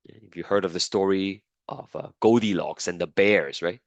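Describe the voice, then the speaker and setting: Recorded dry and with dull audio, this low-pitched man speaks at a normal speed during a classroom lecture. He's a biology teacher who is ill and losing his voice, so he repeats the main points and checks on his students.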